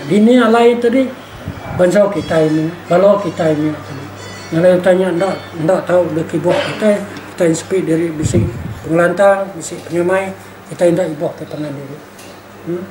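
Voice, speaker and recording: Over music, an older man speaks at normal speed in a high voice, reflecting informally as an interviewee. His manner is emphatic and repetitive, with frequent rhetorical tag questions, and the recording carries a roomy echo and faint background noise.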